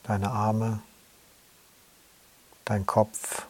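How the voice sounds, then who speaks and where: A man slowly guiding a yoga nidra relaxation in a calm, soothing way. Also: fairly low pitch, breathy edge. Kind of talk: guided relaxation instructions.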